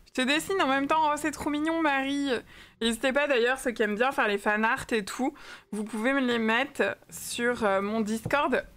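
Chatty high-voiced French woman streamer. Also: fairly even intonation, normal speed, a bit bright. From France. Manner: chatty, greets viewers by name, many fillers. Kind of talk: casual live-stream chat.

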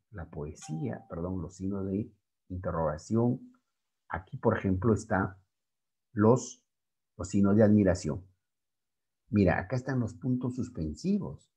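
A male secondary school literature teacher giving a class, explaining poetry and reciting verses with deliberate pauses, often checking in with his students. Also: sits low. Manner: slow, lively delivery with frequent "¿ya?" and "¿ok?" check-ins.

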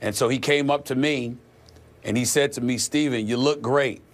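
A man's voice: mid-range voice, moderate pace. A middle-aged man hosting a sports talk show, speaking earnestly and reflectively, often restarting his sentences. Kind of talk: conversational sports talk tribute.

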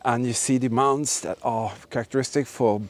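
A man hosting a history exploring channel narrates to the camera as he walks through a forest and among ruined buildings. His mid-range voice keeps fairly even intonation at a moderate pace, yet he talks enthusiastically and emphatically, repeating words.

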